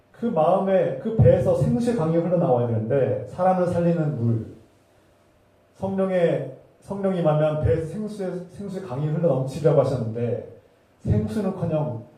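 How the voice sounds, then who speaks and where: A male pastor delivers a sermon with fervent, emphatic force, piling up repeated phrases. His voice sits a little high for a man but sounds very dark and muffled. It rings through a reverberant church hall and is heard from some distance off the mic. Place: church sanctuary.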